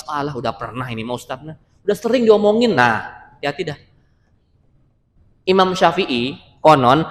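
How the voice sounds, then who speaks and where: A man preaching a sermon in a mosque, animated and joking, acting out the voices of others as he speaks. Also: high voice. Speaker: Islamic preacher. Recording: long reverb of a mosque hall.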